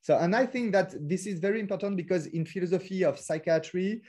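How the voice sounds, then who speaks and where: Man, French accent, fairly high, mellow voice; hesitant academic webinar lecturer, filler-heavy, careful non-native phrasing. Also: quick pace. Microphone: video call.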